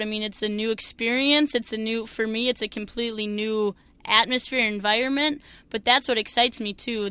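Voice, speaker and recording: Minnesotan woman in her twenties, earnest, upbeat interview guest; smooth voice, close and dry. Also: fairly high pitch, no echo. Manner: energetic and earnest. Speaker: new teacher, interview guest. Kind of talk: interview answers.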